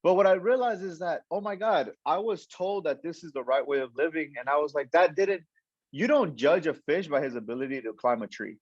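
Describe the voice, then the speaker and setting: A man's voice: on the high side, fairly quick, no room sound, highs cut off. A young man, a coach and guest, tells a story in casual interview talk, acting out the lines of the people in it and restarting his sentences often. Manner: animated storyteller, acts out quoted dialogue, many restarts.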